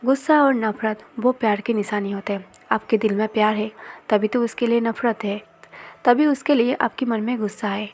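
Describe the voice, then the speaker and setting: A woman voicing a calm married young man who explains and soothes. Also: on the high side, normal speed, close to an everyday voice.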